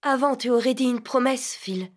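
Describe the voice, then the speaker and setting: A woman's voice: high-pitched, moderate pace, voice pushed up. A woman voicing a fierce, tearful teenage girl in love in an audiobook, pleading and wailing with rising cries. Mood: reproachful. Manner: wailing, pleading, sometimes whispering.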